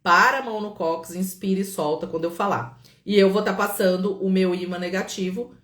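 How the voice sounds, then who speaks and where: A woman's voice: medium pitch, fairly quick. Brazilian woman guiding a roomy session. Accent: Brazilian Portuguese. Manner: calm, checks in often with "tá?". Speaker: therapist. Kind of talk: guided live healing session. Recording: roomy echo.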